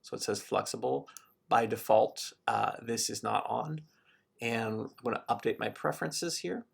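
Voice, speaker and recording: A man calmly walking through a screen-recorded software tutorial, explaining each step as he clicks through. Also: mid-range voice, moderate pace, gravelly, slightly rough.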